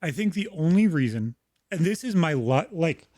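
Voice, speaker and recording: A man's voice: on the high side, big pitch swings, normal speed, mellow, no room sound, studio quality. A man co-hosting a casual podcast, talking politics bluntly with plenty of swearing. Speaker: podcast co-host.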